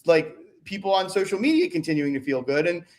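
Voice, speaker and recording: Man on a video call, higher voice. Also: sing-song. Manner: halting, repeats words, tags "right?". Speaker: stock market analyst. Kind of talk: casual livestream market chat.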